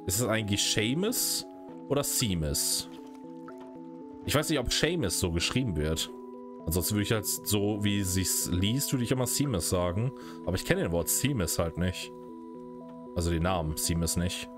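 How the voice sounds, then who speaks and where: A man with a low voice talks casually through a game, thinking aloud and muttering asides to himself. His tone stays relaxed and conversational, with faint music underneath. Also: a little fast. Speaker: gamer playing a cat adventure game. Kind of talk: casual let's play commentary.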